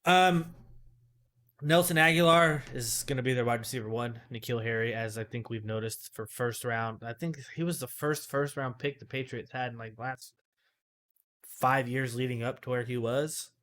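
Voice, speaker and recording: Male podcast co-host, mid-pitch voice, chatty and rambling, stops to fix his words. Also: moderate pace, a bit bright. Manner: rambling, self-correcting, filler-heavy. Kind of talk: casual fantasy football chat.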